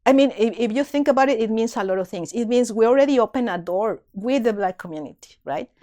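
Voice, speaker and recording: A woman's voice: a little high, expressive, fast talker, mellow. A middle-aged woman, a guest on a podcast, speaking earnestly and emotionally in a reflective storytelling way, often restarting her phrases. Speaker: podcast guest, community leader and dance teacher.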